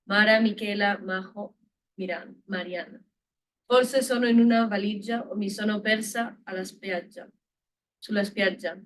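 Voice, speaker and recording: A woman's voice: medium pitch, steady tone, measured pace, low-quality recording. A woman from Italy, a student, reading a poem aloud in class, earnest and stumbling over words. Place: lecture room.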